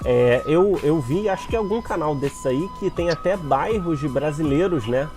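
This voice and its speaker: A man hosting a podcast, chatting casually with a guest in a relaxed way. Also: fairly high pitch, normal speed, over music. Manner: relaxed, reacts with short affirmations. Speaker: podcast host. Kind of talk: casual interview chat.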